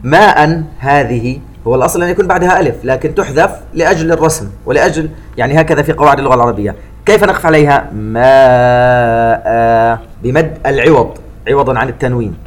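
Man teaching tajweed recitation, slow melodic. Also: mid-range voice. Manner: drawn-out melodic recitation of verses, then brisk rule-by-rule explanation. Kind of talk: tajweed lesson alternating slow recitation and explanation.

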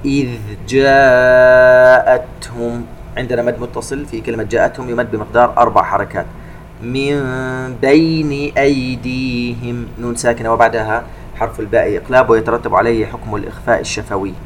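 A man giving a tajweed lesson, calmly explaining recitation rules between slow chanted verses. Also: mid-range voice, a little hiss or hum. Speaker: Quran recitation teacher.

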